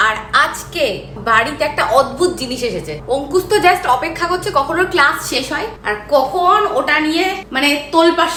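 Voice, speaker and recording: A woman's voice: high voice, bright, forceful tone, slight background noise. Chatty mother vlogging at home. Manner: chatty, playful scolding of children. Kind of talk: casual family vlog chat to viewers. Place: family home indoors.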